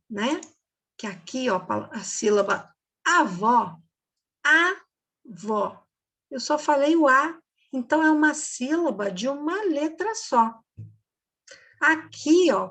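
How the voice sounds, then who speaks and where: A woman teacher giving a slow, patient recorded reading lesson for children, repeating words and checking in with "ok?". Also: fairly high pitch, vocal fry, a bit bright, slightly rough.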